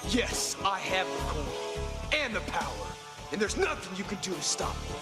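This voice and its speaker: An actor playing a young male warrior under an evil spell in a 1990s TV action series, taunting in a slow, menacing way. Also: high voice, sing-song. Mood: defiant. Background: loud music score.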